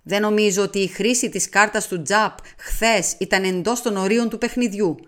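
A woman voicing an earnest, easily flustered English gentleman companion in an audiobook. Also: mid-range voice, fairly even intonation, close to an everyday voice. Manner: protesting, earnest. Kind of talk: audiobook character reading.

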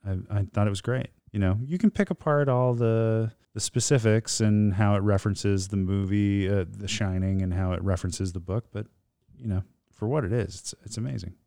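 Rambling man with a low, smooth voice. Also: normal speed, mellow, no room sound, clean studio sound. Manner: rambling, many fillers and restarts, goofy. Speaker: podcast guest. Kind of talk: casual podcast chat.

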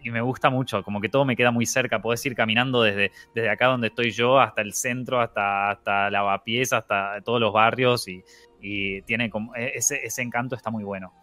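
Argentine guy, bright tense voice, rambling casual guest on a video call. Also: mid-range voice, steady tone, brisk. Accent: Argentine Spanish. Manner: rambling, laughing, repeats words. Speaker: guest film youtuber. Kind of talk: casual chat on a livestream.

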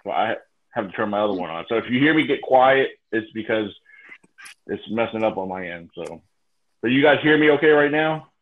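A man hosting a casual online call, hesitant and full of fillers, speaking into a laptop mic. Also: medium pitch. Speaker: host of an online call show. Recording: dull lo-fi laptop audio.

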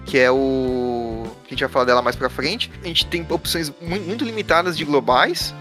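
A man's voice: medium pitch, moderate pace, fairly bright tone, soft background music. A man with a Brazilian accent and a slight tongue-tied lisp, explaining a card game in casual, slangy talk. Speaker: podcast panelist.

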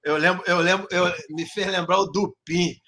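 A man hosting a casual live-stream football chat, loud and joking, swearing freely. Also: high voice, steady tone, normal speed. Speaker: show host.

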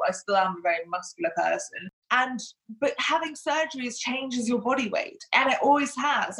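Her voice sits a little high with a slightly bright tone, and the recording is rough. She is a Hong Kong-raised body confidence coach speaking as a guest in a relaxed interview, chatty and heavy on filler words.

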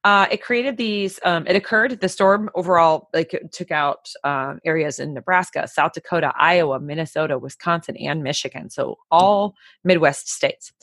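Casual woman co-host, low voice, dry close sound, rambling storyteller. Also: moderate pace, few pauses, a bit bright, no room sound. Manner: chatty storyteller, many fillers. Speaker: podcast co-host. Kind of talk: casual chat.

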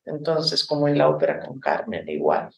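A woman's voice: low voice, big pitch swings, normal speed, gravelly, darkish tone. A woman theater teacher and director from Mexico, answering interview questions with passion and frequent reflective asides. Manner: passionate, reflective, many rhetorical "¿no?" tags. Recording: roomy echo.

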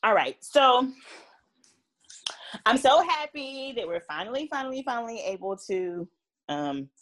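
A woman's voice: on the high side, very animated, measured pace, fairly bright tone. A woman co-hosting a podcast in casual chat, slangy and laughing often. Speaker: podcast co-host.

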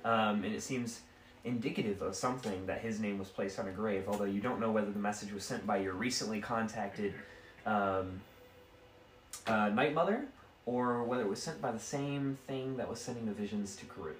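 Low-voiced man running a tabletop game. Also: moderate pace. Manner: rambling, self-correcting narration. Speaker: game master. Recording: echoey room, distant mic, faint noise.

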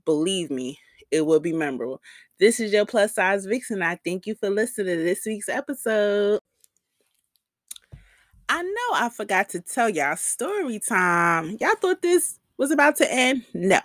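A woman's voice: medium pitch, very animated, a little slow, no room sound, studio quality. Sassy woman telling a dating story. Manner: chatty, sassy, candid, with slang and asides to listeners. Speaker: podcast host. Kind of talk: casual storytelling monologue.

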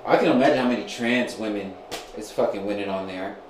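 A man in his twenties hosting a casual chat, animated, gossipy and joking. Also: on the low side, quick pace, reverberant, slight background noise, rough recording. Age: 20s. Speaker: podcast host.

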